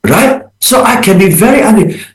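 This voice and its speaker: Emphatic man with a slightly high voice. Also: animated, a little slow, reverberant, poor audio. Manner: emphatic, rhetorical, mixes in English phrases. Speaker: guest business speaker. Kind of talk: radio talk show interview.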